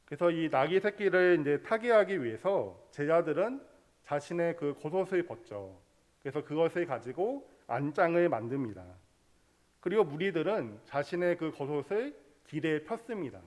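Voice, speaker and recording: A man's voice: on the high side, lively intonation, normal speed, darkish tone. A man preaching a sermon, explaining a Bible passage step by step and leading the congregation in reading scripture aloud. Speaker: pastor.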